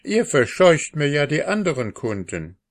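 A man's voice: on the high side, big pitch swings, normal speed, pitched above the performer's own voice. A man voicing a shoemaker's wife who talks in a curt, impatient tone in a storybook reading.

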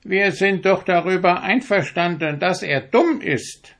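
A man's voice: high-pitched, measured pace, a bit bright, pitched above the performer's own voice. A man doing jeering, chattering ducks. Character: gossiping, scornful flock of ducks. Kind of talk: storybook reading.

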